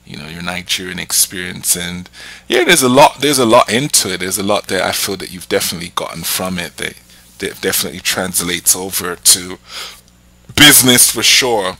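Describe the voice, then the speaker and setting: A low-voiced Englishman with a London accent hosts a casual podcast, narrating stories with animation and toying with accents for fun. He speaks at a moderate pace. The recording has no echo but is low in quality.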